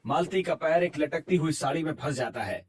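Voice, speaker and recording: Husky male storybook narrator. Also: fairly high pitch, brisk.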